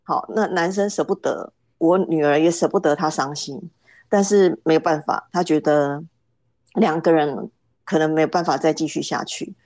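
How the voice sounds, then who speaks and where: A woman's voice: low voice, moderate pace, darkish tone, no echo. A middle-aged woman, a podcast guest telling a family story casually, hesitant, often repeating words as she starts.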